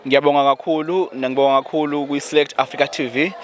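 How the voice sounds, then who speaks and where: Fast-talking man with a Zulu accent. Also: on the high side, fairly even intonation, a little hiss or hum. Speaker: musician, interview guest. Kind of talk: casual interview talk.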